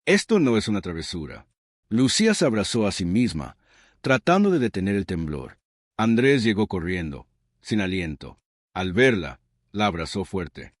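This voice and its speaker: Low-voiced man narrating a suspense story. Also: big pitch swings, moderate pace, dry recording, studio quality. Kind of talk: scripted dramatic narration.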